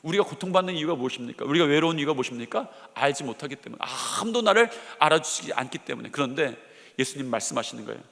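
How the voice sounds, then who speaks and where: A middle-aged senior pastor preaching a sermon, with emphatic rhetorical questions, in a large church sanctuary. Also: male voice, fairly high pitch, animated, racing, creaky, a bit bright. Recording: long hall reverb of a church.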